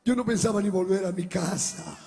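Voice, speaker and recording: A man, a pastor giving a dramatic testimony sermon that swings from shouting to hushed speech. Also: sits high, fairly quick, gravelly. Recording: long hall reverb.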